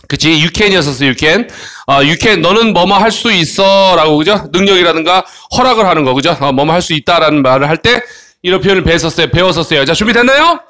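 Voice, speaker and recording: A man with a high, bright voice leads a children's English lesson. He coaxes his young listeners along and checks in with short tag questions again and again. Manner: coaxing, frequent tag questions. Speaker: English teacher.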